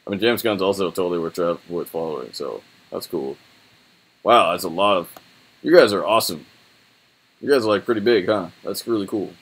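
A young man with a fairly low voice talks through a screen review off the cuff. His delivery is informal and rambling, with loose slang. He sounds like he is at his computer in a small room. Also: brisk, slightly rough, low-quality recording. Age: young adult. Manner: informal, rambling, laid-back slangy talk. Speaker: website reviewer. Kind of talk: casual think-aloud screen review.

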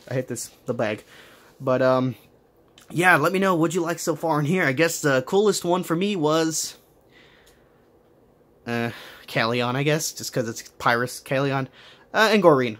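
A man chatting casually while unboxing toys, talking quickly and correcting himself as he goes. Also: medium pitch, a bit bright. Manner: rapid, rambling, self-correcting. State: out of breath. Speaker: toy unboxing vlogger.

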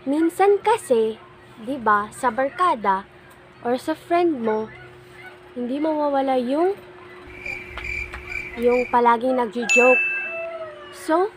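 A woman's voice: sits high, lively intonation, slow, long pauses, noisy background. Small-voiced giggly young woman vlogger. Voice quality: small soft voice. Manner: giggly, laughs often. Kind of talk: casual chat.

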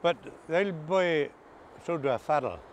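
Reminiscing about farm life out on a grassy coastal path by the sea, an older man talks casually in broad rural Ulster Scots dialect. His voice sits a little high, with lively intonation and a slightly slow pace. The outdoor ambient noise comes through clearly.

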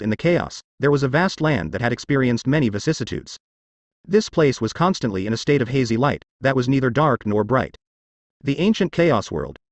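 A man narrating a fantasy audiobook in an even, steady reading. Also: medium pitch, no echo, clean studio sound.

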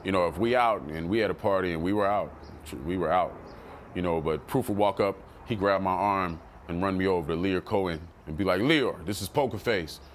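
A man talking casually in an interview about his early rap career, loose and animated, jumping into quoted voices and swearing freely. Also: low-pitched, a little fast, a little hiss or hum. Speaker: rapper telling his story.

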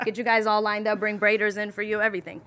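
A woman in her thirties from Iran, a brash, animated podcast guest who swears freely, on a studio mic with headphones. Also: medium pitch, fast, a loud crowd. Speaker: guest, cannabis roller and marketer. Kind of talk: casual podcast interview.

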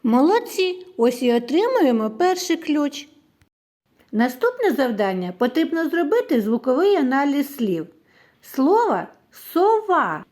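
A woman teaching a literacy lesson to young children in a slow, clear, sing-song way. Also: sits high, sing-song, mellow.

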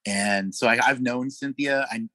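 A middle-aged male musician, appearing as a guest in a casual storytelling interview, tells animated anecdotes with frequent laughs and fillers. His dry, medium-pitched voice moves at a measured pace, captured in a dry recording with poor audio.

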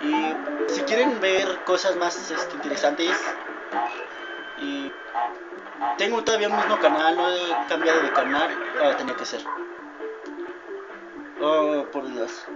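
A young man talks his way through a video game, rambling, drifting off topic and shouting whenever something goes wrong. His voice sits a little high for a man. The audio is dull and lo-fi, with loud game music playing underneath. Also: unhurried, pauses often. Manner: rambling, easily distracted, shouts at game mishaps. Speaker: gamer. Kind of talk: gameplay commentary.

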